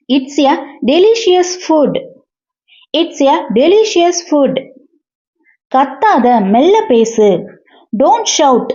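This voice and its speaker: High-voiced woman teaching in slow, deliberate repetition. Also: dark tone. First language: Tamil. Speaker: English teacher. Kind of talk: language lesson, sentences read and repeated. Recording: dull lo-fi recording.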